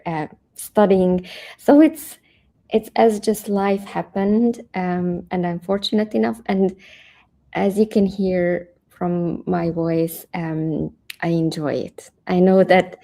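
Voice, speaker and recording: A woman's voice: lowish voice, dark tone. A woman from Hungary, a career coach chatting animatedly in an interview with frequent restarts. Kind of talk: casual interview chat.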